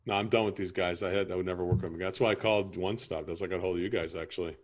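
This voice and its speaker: Low man, rambling homeowner in a sales role-play, keeps checking you follow. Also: steady tone, very fast. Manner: rambling, keeps asking "you see what I'm saying". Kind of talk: improvised training role-play.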